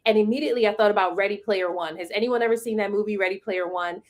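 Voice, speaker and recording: A woman co-hosting a casual chat who talks quickly and enthusiastically and laughs easily. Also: medium pitch.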